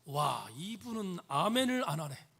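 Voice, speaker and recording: A man delivers a sermon in a church sanctuary. His voice sits high and carries a gravelly edge. He preaches emphatically and often sinks into hushed, near-whispered tones. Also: very animated, unhurried. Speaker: pastor.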